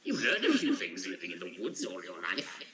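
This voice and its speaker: A man's voice: deep voice, wildly swooping pitch, a little fast, pushed and bright, a little hiss or hum, full character voice. A man voicing an ancient, eccentric woodsman storyteller, grumbly, rambling and forgetful, in a tabletop role-playing game. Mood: forgetful, musing. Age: very old.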